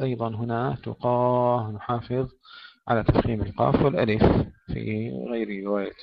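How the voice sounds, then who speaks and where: A man teaches Quranic recitation in a slow, careful way, drawing out each recited word to show how it should sound. His voice has a gravelly edge. The recording is dull and lo-fi. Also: mid-range voice. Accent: Arabic. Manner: slow deliberate demonstration of pronunciation, drawn-out recited words. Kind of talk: tajweed lesson with recited verses.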